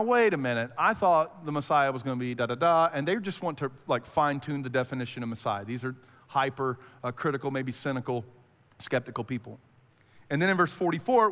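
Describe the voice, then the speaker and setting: A man's voice: on the high side, fairly bright tone. A man preaching a sermon as pastor, casual and conversational, with lots of fillers. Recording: hall reverb.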